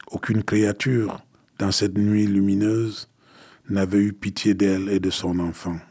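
Man reading a fairy tale, really slow and calm, husky lowish voice. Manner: calm, unhurried narration. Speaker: storyteller.

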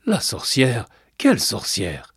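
Old grandpa, playful, amused, warm-hearted teasing, as a man puts him on, husky, dry. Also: medium pitch, animated, normal speed, no room sound, pitched above the performer's own voice. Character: kindly old grandfather with a bad back, teasing.

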